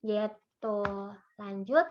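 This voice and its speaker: A woman teaching a recorded online language lesson, drilling sounds with loud, drawn-out repetitions. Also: medium pitch. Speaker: Mandarin teacher. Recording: dull lo-fi recording.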